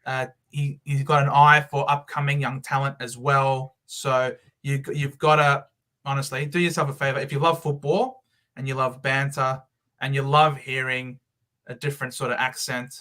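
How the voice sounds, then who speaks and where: A man's voice: mid-range voice, level tone, moderate pace, bright, forceful tone. A man hosting a football live stream, talking casually and enthusiastically. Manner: enthusiastic, effusive, says mate and bro. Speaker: host.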